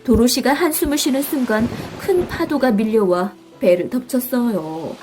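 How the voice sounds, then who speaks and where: A woman narrating a bedtime story in a soft, slow, soothing way, with faint music behind her. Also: on the high side, expressive.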